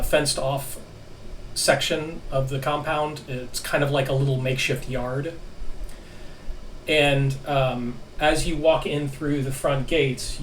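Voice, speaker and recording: A man narrating as game master of a tabletop role-playing session, halting with many fillers. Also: mid-range voice, slight background noise. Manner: halting, many ums and restarts. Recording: distant mic with faint ambience.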